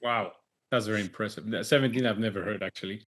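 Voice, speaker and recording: A man's voice: lowish voice, fast talker, fairly bright tone. A man hosting a business podcast, asking curious questions and reacting briefly over a video call. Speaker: podcast host.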